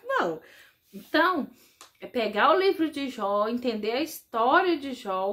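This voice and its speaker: A woman catechist with a Brazilian Portuguese accent gives a religious reflection talk in an animated, conversational way, often turning to her listeners directly. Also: high voice.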